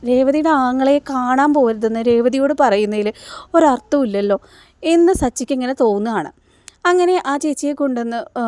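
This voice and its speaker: Woman, serial recap narrator, rapid delivery, dry close mic, chatty fillers. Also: fairly high pitch, darkish tone, no room sound. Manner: chatty, with frequent tag fillers. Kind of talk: casual storytelling recap.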